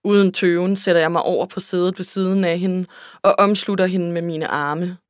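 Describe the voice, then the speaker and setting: A woman's voice: lowish voice, steady tone, no echo, studio quality. A woman reading a first-person novel aloud in an emotional, intimate way. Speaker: audiobook narrator. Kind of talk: scripted first-person narration.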